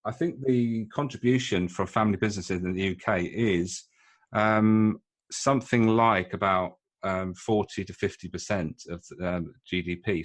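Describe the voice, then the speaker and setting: A middle-aged man with a very low voice talks casually as an interview guest. He speaks haltingly, with frequent ums and restarts. He is from the UK and is sharing his experience as a leadership coach. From United Kingdom. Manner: hesitant, many fillers and restarts.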